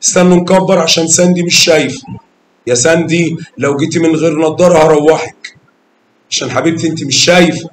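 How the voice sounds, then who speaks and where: Coaxing Egyptian math teacher, echoey classroom. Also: male voice, fairly high pitch, steady tone, quick pace, slight background noise. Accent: Egyptian Arabic. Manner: coaxing, questioning, calls pupils by name with endearments.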